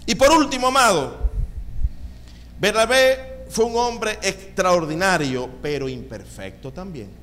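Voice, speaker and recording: Male pastor, lively sermon delivery, high voice, echoing church hall with faint ambience. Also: unhurried, slight background noise. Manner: animated preaching with calls of amen.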